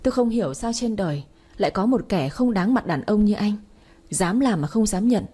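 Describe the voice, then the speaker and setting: A woman's voice: medium pitch, expressive, normal speed, warm tone, slightly rough. A woman voicing a wronged young wife who answers with bitter defiance in a storybook reading. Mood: defiant.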